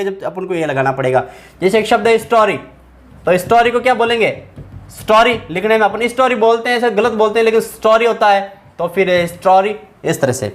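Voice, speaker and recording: High-voiced man teaching a grammar lesson. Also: fairly bright tone. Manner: patient, asks questions and answers them himself. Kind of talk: explaining English grammar to students.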